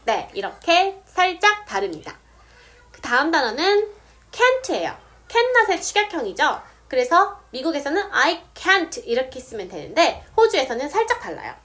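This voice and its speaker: A woman explaining English words step by step, saying example sentences slowly. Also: sits high, big pitch swings, a bit bright. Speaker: English teacher. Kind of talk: casual video lesson.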